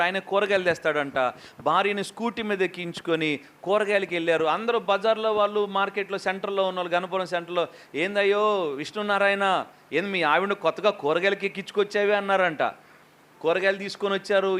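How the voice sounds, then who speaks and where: Animated pastor, a man preaching with a slightly high voice. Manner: animated, questions the congregation, acts out quotes. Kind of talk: sermon.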